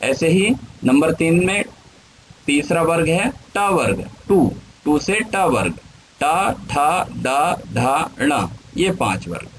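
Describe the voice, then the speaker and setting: A man teaching a grammar lesson, spelling out syllables one at a time in a deliberate lecture. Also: on the high side, very animated, a little hiss or hum, poor audio.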